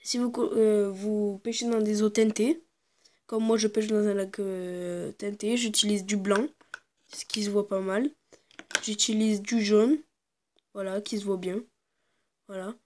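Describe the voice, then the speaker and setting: A woman casually presenting her fishing lures to the camera, hesitant and full of fillers, sometimes dropping into quiet asides. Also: medium pitch, little pitch movement, measured pace. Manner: hesitant, constant fillers and "voilà"; drops into quiet muttered asides. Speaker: fishing video maker.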